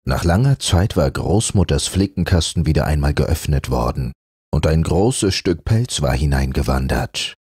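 A man narrating a fairy tale as a gentle bedtime audiobook reader. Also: very deep voice, expressive, normal speed, breathy edge, no echo, clean studio sound. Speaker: storyteller.

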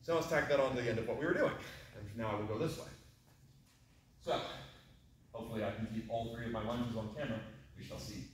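A man giving an instructional fencing demonstration, explaining movements and breaking them into short, crisp commands. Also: mid-range voice, fairly even intonation, quick pace, pauses often. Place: large echoey indoor training hall. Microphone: distant camera microphone. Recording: very echoey room, distant mic, faint noise.

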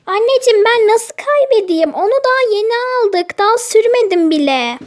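A woman voicing an excited little toy girl who gets upset and pleads in a toy storybook play. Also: extremely high pitch, normal speed. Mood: pleading. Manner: pleading, whiny.

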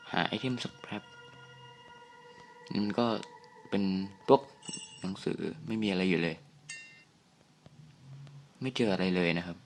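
A young man giving casual let's-play commentary on a horror game, hushed and jumpy, with startled outbursts and swearing. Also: fairly low pitch. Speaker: gamer playing a horror game.

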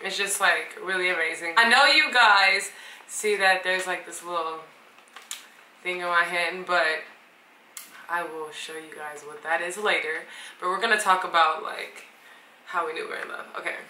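A woman's voice: on the low side, normal speed, bright, forceful tone, reverberant, distant mic, a little hiss or hum, poor audio. A woman co-hosting a vlog in casual chat, filling her talk with "like". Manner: chatty, heavy use of "like". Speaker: vlog co-host.

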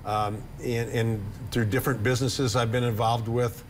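Speaking at a moderate pace with a level, medium-pitched voice, a longtime Upper Michigan resident in his sixties who blogs appears as a friendly, casual studio guest on a couch set. His lapel mic catches slight background noise and his habit of repeating a word at the start of sentences.

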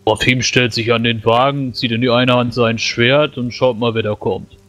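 A man's voice: medium pitch, fairly even intonation, normal speed, fairly bright tone, faint music behind. A man playing a tabletop role-playing game, chatting casually as a player.

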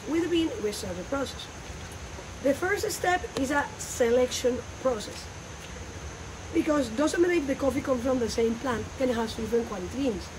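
Colombian woman guiding a coffee farm tour. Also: fairly high pitch. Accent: Colombian Spanish. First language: Spanish. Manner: animated, gesturing while explaining, non-native English grammar. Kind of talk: guided tour explanation. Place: outdoors on a forested coffee farm. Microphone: phone camera a few meters away. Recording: noisy outdoor phone recording.

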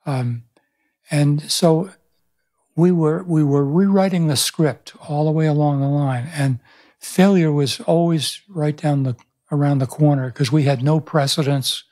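His voice leans high and a little mellow, with fairly even intonation and a measured pace. This man in his seventies, a pastor and author, tells stories thoughtfully in a reflective interview, often going back to restart his sentences. The recording comes from a small indoor room via a boom-arm studio mic.

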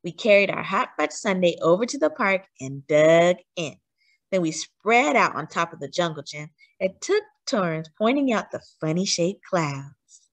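A woman reading a children's picture book aloud as a teacher, expressive and animated. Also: on the low side, unhurried. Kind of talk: children's storybook read-aloud.

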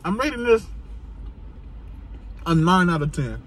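A man's voice: high voice, very animated, unhurried. A man, talking while chewing as he reviews food in a casual vlog. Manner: loud, joking, profane.

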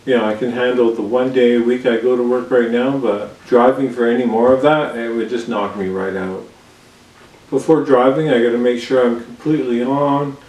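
Candid man in a roomy, distant recording. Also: mid-range voice. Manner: candid, relaxed, with frequent fillers and pauses. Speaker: vlogger. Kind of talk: casual personal vlog. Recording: roomy sound from a distant mic with faint background hiss.

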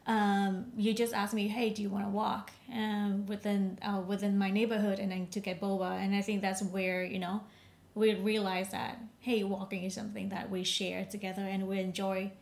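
Vietnam-born woman, earnest and halting. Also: medium pitch, flat delivery, gravelly. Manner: warm, earnest, slightly halting phrasing. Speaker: podcast co-host. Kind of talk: casual chat.

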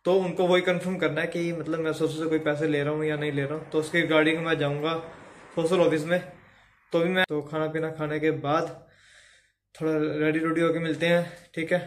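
Young man, casual daily vlogger, higher pitch, steady and flat, light background hiss. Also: brisk. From Haryana, India. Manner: chatty running commentary to camera. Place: kitchen, then outdoors on streets. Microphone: phone at arm's length.

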